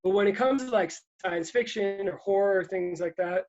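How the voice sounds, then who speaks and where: A man's voice: sits high, moderate pace, darkish tone, highs cut off. A man from Puerto Rico talking casually about books, rambling with many restarts and easy laughs. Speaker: guest writer.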